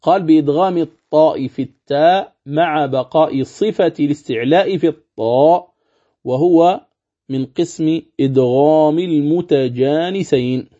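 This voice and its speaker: A sheikh teaching a recorded lesson on Quran recitation. He explains step by step, repeats his points and slowly demonstrates recited words. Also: fairly high pitch, warm tone. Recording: dull lo-fi recording.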